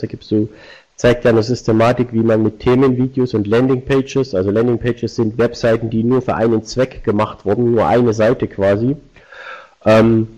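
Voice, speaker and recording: A man's voice: medium pitch, a little mellow, poor audio. A man presenting a live online seminar, explaining points directly to his viewers. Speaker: webinar presenter.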